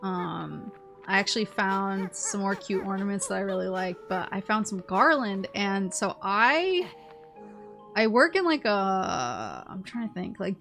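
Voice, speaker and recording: A woman streamer talks casually as she plays a game, with a medium-pitched voice and a rambling, giggly manner. Music plays behind her. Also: a bit bright. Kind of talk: casual chat while playing a video game.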